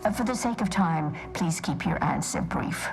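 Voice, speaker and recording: In video game dialogue acting over music, a woman plays a prim, pedantic scholar of a stoic order, speaking formally and precisely in a measured way. Her lowish voice is creaky, with lively intonation and a moderate pace.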